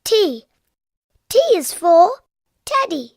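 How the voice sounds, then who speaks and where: A cheerful little cartoon piglet girl, giggling and chanting in a very high, wildly swooping voice. She drags each word out slowly, with soft music playing underneath. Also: big pitch swings, creaky, no room sound, studio quality, heavily acted. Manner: giggly, sing-song, slow and deliberate. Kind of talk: cartoon voice acting, reciting the alphabet.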